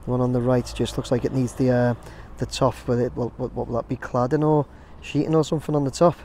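A drone videographer with an English accent casually narrates his footage outdoors near a construction site, rambling and chatty and calling his audience "guys." He talks fast in a mellow, medium-pitched, level voice, with a little hiss or hum in the recording.

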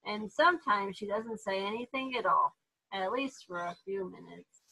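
A woman reading a children's storybook aloud with animated delivery, putting on voices for the characters. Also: mid-range voice, moderate pace, vocal fry, slightly rough, poor audio. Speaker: therapy dog handler reading to kids.

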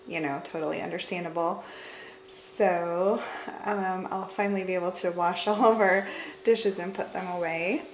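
A woman's voice: mid-range voice, slight background noise, low-quality recording. A woman in her thirties giving a casual, upbeat home tour vlog, holding the camera in a large house and chatting with many fillers. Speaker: home vlogger. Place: large house with open living room and kitchen. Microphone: handheld camera, filming herself off screen.

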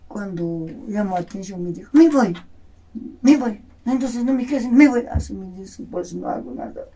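A woman's voice: mid-range voice, a little fast, dark tone, breathy edge. A woman playing a henpecked old pensioner man who complains plaintively, in Andean Peruvian Spanish, in a comedy sketch. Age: over 60.

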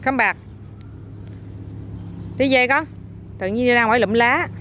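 A woman's voice: on the high side, a little slow, a bit bright. A mother, chatting with her toddler outdoors and coaxing them in a playful, repetitive way. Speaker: mother filming her child. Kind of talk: casual chat with a toddler. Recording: faint outdoor noise.

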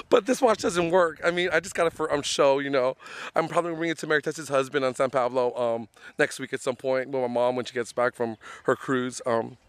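A man with a medium-pitched, slightly hoarse voice, from losing it, films a casual travel vlog on a phone held at arm's length, talking fairly quickly while waiting at a bus stop and then riding a bus and a train. He rambles and chats with lots of ums, and faint vehicle and street noise sits behind him.

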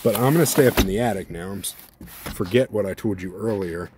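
A man casually narrating his robot mower test as a home video creator, thinking out loud and explaining what he sees on screen. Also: fairly low pitch, a little fast, heavy background noise. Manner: thinking aloud, conversational, explanatory. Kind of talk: casual tech vlog narration. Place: indoors, at home near a computer, at times outside.

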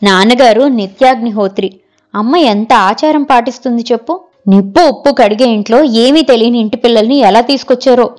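A woman's voice: on the high side, moderate pace, soft background music, lightly acted. A woman voicing an angry, traditional older sister who scolds with heated, scornful questions in a storybook reading. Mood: indignant. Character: angry orthodox older sister, sharp-tongued.

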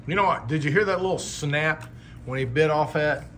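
This food vlog host speaks at a normal speed in a fairly high, fairly bright voice from a restaurant table. He's casual and folksy, chatting and laughing between bites, with faint dining-room noise in the recording.

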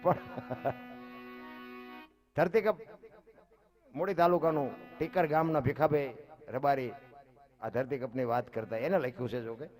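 A man's voice: medium pitch, measured pace, long pauses, soft background music. A man telling folk stories live, chatting directly with his listeners. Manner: chatty, addresses listeners directly, laughs softly. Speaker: folk storyteller. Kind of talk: live folk storytelling to an audience.

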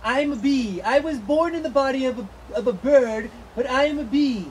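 A man's voice: very high voice, moderate pace, a little mellow, a little hiss or hum, poor audio. A man voicing a young male lovebird who insists he is a bee, in a whiny, earnest, indignant manner in a comedy sketch. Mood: insistent. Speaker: comedy podcast host.

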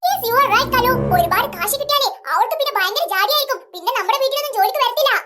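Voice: extremely high pitch, expressive, rapid-fire, over loud music. A performer voicing a haughty, scheming rich mother in a comic family sketch, dropping English words into her talk.

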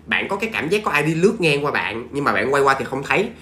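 A man's voice: mid-range voice, very animated, fast, bright, forceful tone, reverberant, a little hiss or hum. A man with a Southern Vietnamese accent telling a ghost story in a chatty, familiar way to his listeners. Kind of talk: casual spoken storytelling.

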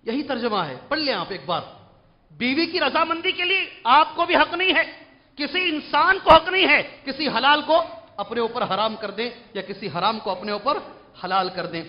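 Man, very high voice, emphatic Quran lecture, scholar questioning listeners, long mosque reverb. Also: expressive, muffled recording. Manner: emphatic, asks the audience questions. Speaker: Islamic scholar. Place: large mosque hall.

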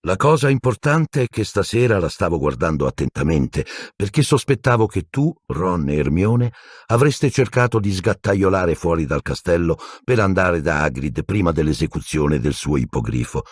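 Man voicing Lupin, calm and measured. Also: deep voice, breathy edge, no room sound, clean studio sound, heavily acted. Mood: explaining. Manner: measured, explaining, mildly impatient. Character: calm, patient middle-aged male wizard teacher.

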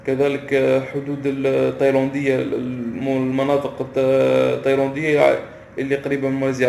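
A man's voice: mid-range voice, gravelly, darkish tone, a little hiss or hum. A man, talking casually to camera in a vlog and often stopping mid-phrase to search for a word. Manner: halting, often stops to search for words. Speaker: vlogger. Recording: roomy echo with faint ambience.

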